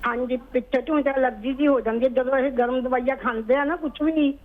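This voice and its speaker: A woman's voice: sits high, fairly even intonation, normal speed. Hesitant woman on a tinny phone line. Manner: hesitant, rambling. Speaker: caller. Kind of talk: phone call.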